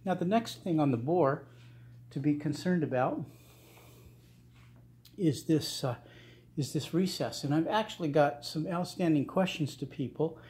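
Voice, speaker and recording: A middle-aged man giving a casual workshop how-to, talking in a halting way with many fillers and restarts. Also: on the high side, darkish tone. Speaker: channel host restoring cars. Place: home garage workshop, indoors.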